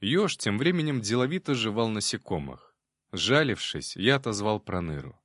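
A man with a lowish voice narrates an audiobook in a calm, measured way. His delivery is lively in pitch, and the recording is dry and close. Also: no room sound. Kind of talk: scripted narration.

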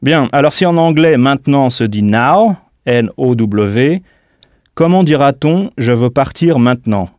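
This scripted language lesson features a man whose medium-pitched voice is expressive and a little mellow, recorded in studio quality with no room sound. He pronounces carefully at a slow, deliberate pace and spells out each word letter by letter.

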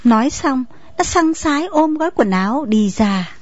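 A woman narrating a story in a steady storytelling manner. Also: sits high, moderate pace, dry recording. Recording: dull lo-fi recording, faint music.

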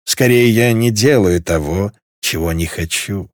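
A man's voice: on the low side, measured pace, dry recording, natural voice. A man reading aloud voicing a languid, mocking nobleman marshal with a dry drawl. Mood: lazy, mocking.

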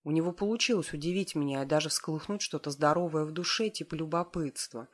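A woman's voice: deep voice, quick pace. A woman reading a first-person novel aloud as an audiobook, with a wry, stubborn tone. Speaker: audiobook narrator.

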